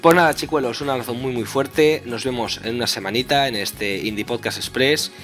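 A man's voice: medium pitch, normal speed, a bit bright, faint music behind. A man hosting a casual gaming podcast, joking and swearing with friends. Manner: crude, joking, laughs often. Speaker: podcast host. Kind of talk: casual banter.

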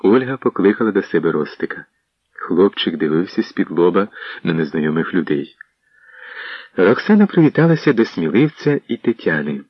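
Husky low-voiced male narrator. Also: moderate pace, no room sound. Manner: steady storytelling. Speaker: audiobook narrator. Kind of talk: scripted narration. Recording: dull lo-fi recording.

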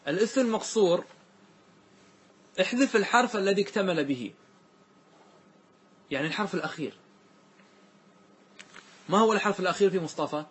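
A man teaching a grammar class, who questions his students often and repeats key points. He recites verse lines slowly and draws them out. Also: high-pitched, husky. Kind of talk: classroom lesson.

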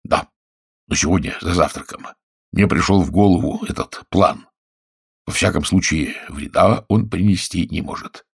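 Scheming stout husband read by a man, deep, husky, hushed and secretive, audiobook. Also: normal speed, exaggerated voice. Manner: hushed, conspiratorial, often half-whispered.

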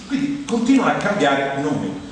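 A man from Rome, Italy, with a Roman accent, performs a comic theatrical monologue, wry, ironic and conversational with mock-solemn turns. His voice sits on the high side with wildly swooping pitch at normal speed, recorded from a distant mic in a very echoey hall with clear noise.

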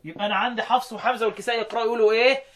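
Egyptian guy teaching quran readings, voice on the high side, keeps asking his student questions, recites the verses slow. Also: fairly even intonation. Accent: Egyptian Arabic.

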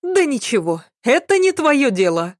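A woman voicing a scheming young maidservant in an audiobook, with a nasal voice and sharp, quarrelsome retorts. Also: high-pitched, big pitch swings, normal speed, no room sound, clean studio sound, voice pushed up. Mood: evasive.

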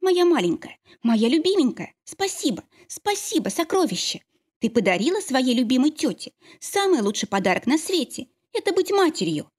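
A woman voicing a young pregnant woman, joyful and tearful, in a high excited voice. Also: normal speed, breathy edge, full character voice.

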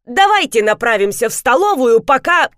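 A woman reads an audiobook, voicing a cheeky, mocking teenage girl in a raised, sassy, sarcastic tone pitched above her own voice. Her pitch is fairly high with big swings, her pace moderate and her sound a bit bright. The recording is dry and of studio quality.

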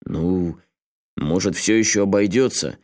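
A man doing a calm skeptical friend. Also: sits low. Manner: level, skeptical, unhurried. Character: calm, doubtful middle-aged man on the phone.

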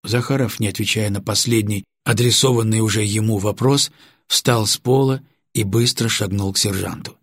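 A man reading an audiobook narration in an even, steady way. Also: lowish voice, moderate pace, slightly rough, no echo, studio quality. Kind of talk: scripted narration.

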